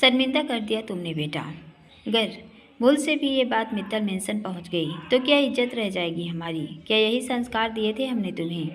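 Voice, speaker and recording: A woman's voice: a little high, expressive, normal speed, a little hiss or hum, close to an everyday voice. Woman doing a stern scolding mother. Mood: angry. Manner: sharp scolding tone. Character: stern middle-aged mother, angry and proud.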